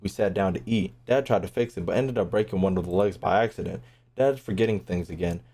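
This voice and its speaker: This is a man streaming a game, chatting loosely and cursing as he plays, occasionally voicing text from the screen. He speaks fast in a low, mellow voice, with game music playing behind him.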